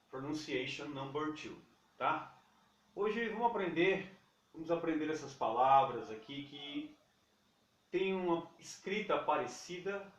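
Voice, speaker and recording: A Brazilian man teaching English pronunciation in Portuguese. He repeats each word slowly and keeps checking in with his students. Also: fairly high pitch, reverberant, far from the mic. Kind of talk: pronunciation lesson.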